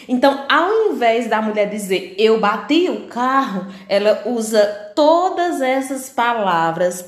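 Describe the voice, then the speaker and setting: A fairly high-voiced woman with a Brazilian Portuguese accent gives a remote language lesson. She explains each point step by step, checks in with her students and acts out the lines of comic strips. Her voice carries a roomy echo.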